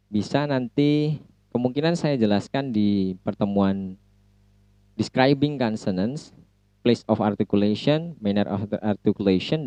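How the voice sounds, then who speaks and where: A man's voice: fairly low pitch, dark tone, smooth, no room sound. Male phonology teacher, dry close sound, patient repeater of sounds. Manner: repeats sounds slowly, demonstrating mouth positions. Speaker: English phonology lecturer. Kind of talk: classroom explanation. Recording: muffled lo-fi recording.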